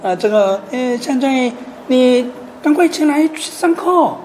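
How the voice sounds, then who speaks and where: A woman preacher voicing a gentle male healer who softly wakes a sleeping child, speaking quietly and tenderly. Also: sits high, expressive, a little hiss or hum, low-quality recording. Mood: coaxing. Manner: soft, hushed, slow.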